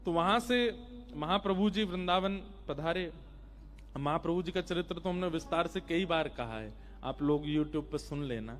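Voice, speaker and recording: A man's voice: on the high side, moderate pace. A man telling a devotional story sermon, emphatic and addressing the listeners directly. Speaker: kathavachak storyteller-preacher.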